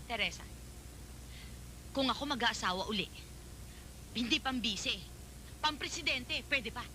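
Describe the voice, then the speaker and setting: An excitable aunt in a film comedy-drama. Her voice is high and bright, worrying and a little vain. There is faint ambient noise. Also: measured pace, rough recording. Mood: haughty.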